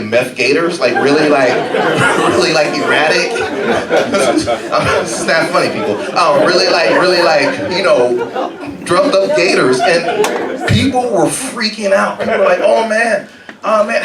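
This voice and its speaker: A man from Florida doing a stand-up comedy set on a club stage, animated and jumping into loud high-pitched bits. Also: background noise. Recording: roomy club sound, mic some distance off, loud crowd laughter.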